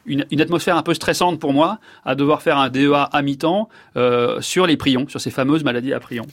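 Recorded dry with clean studio sound, a man in his fifties speaks in a mid-range voice. He is a neurologist guest whose first language is French, and his reflective answers run long, with plenty of fillers and false starts.

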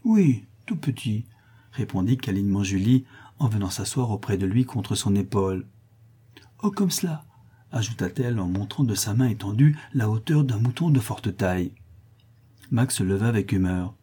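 A man narrating a literary novel as an audiobook with a steady, expressive reading. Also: fairly low pitch, a little fast, slightly rough. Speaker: audiobook reader.

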